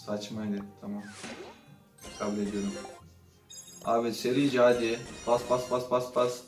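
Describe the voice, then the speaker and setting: A man doing casual gaming commentary as he opens loot boxes, swinging between low muttering and sudden loud outbursts. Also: little pitch movement, unhurried, recorded from a distance. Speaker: gaming channel host. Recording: roomy sound from off-mic with faint music.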